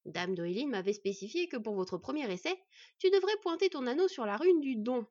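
A gruff, sarcastic male dwarf smith lectures in a raised, husky voice, as a woman reader puts him on. He sounds a touch high for a dwarf, and the audiobook recording is dull and dry. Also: expressive, fairly quick, no room sound. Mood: explaining. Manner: mocking, lecturing in a loud raised voice. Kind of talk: audiobook character voice.

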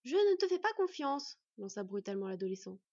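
A woman's voice: mid-range voice, monotone, very fast, creaky, dark tone, breathy edge, dry recording. Woman doing a brash, defiant teenage boy. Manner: blunt, defiant. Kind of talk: audiobook reading. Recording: dry, slightly dull recording.

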